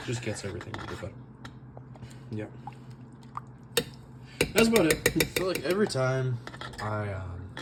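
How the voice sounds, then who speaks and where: A young man cooks a stew in his home kitchen, moving around the stove and rambling self-deprecatingly with lots of fillers. His voice is fairly low. He's captured on a camera mic he sometimes turns away from, with heavy background noise.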